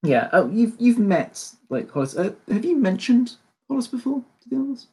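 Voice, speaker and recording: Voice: medium pitch, sing-song, moderate pace, warm tone. A casual game master narrates a tabletop role-playing session. They lean on fillers like "like" and "um" and often correct themselves in mid-sentence. The delivery is loose and conversational. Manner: chatty, lots of fillers and self-corrections.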